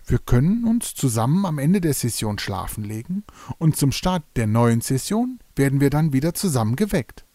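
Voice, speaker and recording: Man voicing a kindly carnival jester, gentle, ceremonious, lively pitch, dry sound. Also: moderate pace, dry recording, lightly acted. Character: warm, kindly male carnival jester spirit.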